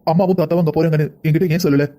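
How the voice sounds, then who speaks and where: A man voicing family-drama cartoon characters with a quick, scolding delivery. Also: a little high, fairly even intonation, warm tone. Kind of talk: Tamil cartoon voice acting.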